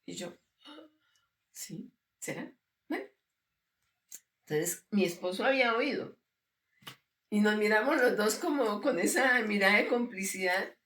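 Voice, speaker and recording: A woman's voice: medium pitch, moderate pace, pauses often. Older woman, roomy distant sound. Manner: lively storyteller who acts out quoted dialogue and laughs often. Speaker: interviewee sharing a personal testimony. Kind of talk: conversational storytelling.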